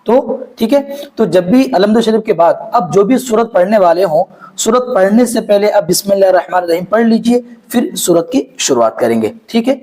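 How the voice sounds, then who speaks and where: A man with a noticeably high voice teaches prayer one step at a time. He talks patiently and repeats key points, checking often that the listener is following. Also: lively intonation, a little fast, mellow, low-quality recording. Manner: patient, repetitive, often checks understanding with "okay". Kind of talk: step-by-step instructional demonstration.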